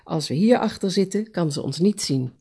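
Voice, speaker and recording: A woman voicing a cautious, clever hare who speaks in hushed, urgent tones. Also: on the low side, animated, moderate pace, breathy edge.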